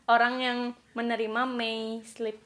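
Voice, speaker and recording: Bright-voiced young woman chatting casually. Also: a little high, level tone, unhurried. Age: 20s. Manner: chatty, mixes English phrases into her talk. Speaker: podcast co-host. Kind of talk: casual chat.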